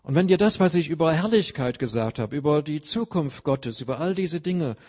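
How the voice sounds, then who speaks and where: A man's voice: fairly high pitch, lively intonation, normal speed, a little mellow, husky. A man preaching a sermon, earnestly explaining scripture with everyday examples.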